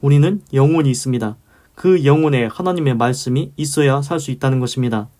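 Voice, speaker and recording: A man's voice: mid-range voice, quick pace, warm tone. A man teaching a devotional Bible lesson in a conversational way, often putting rhetorical questions to the listener. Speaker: preacher.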